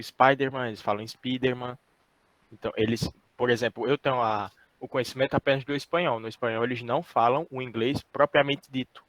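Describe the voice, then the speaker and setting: A man's voice: mid-range voice, a bit bright, dry recording. A Brazilian man, a student, explaining a point in class with hesitant restarts and examples.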